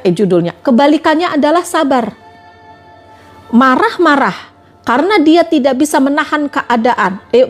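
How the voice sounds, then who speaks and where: High-voiced woman preaching with rhetorical questions. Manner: fires repeated rhetorical questions at listeners; addresses viewers directly, coaxing. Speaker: motivational trainer. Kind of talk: live-streamed religious advice.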